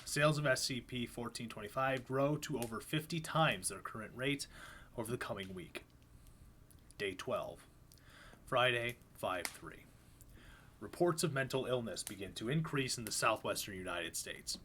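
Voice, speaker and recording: Man calmly reading horror fiction aloud. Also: moderate pace, slight background noise. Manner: low-key, even narration with casual asides. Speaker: reader.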